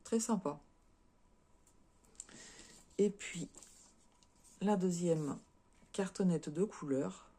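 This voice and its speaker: A French woman vlogs about crafts, chatting casually as she shows and unboxes cross-stitch kits, with plenty of fillers and repeated words. Her voice sits on the low side and sounds warm with a breathy edge. She talks very slowly and pauses often.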